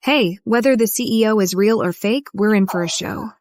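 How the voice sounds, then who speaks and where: A woman's voice: mid-range voice, moderate pace, a little mellow, dry recording, lightly acted. A woman dubbing a defiant young heroine who answers her family with cutting remarks, recorded dry in a studio. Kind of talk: English drama dub.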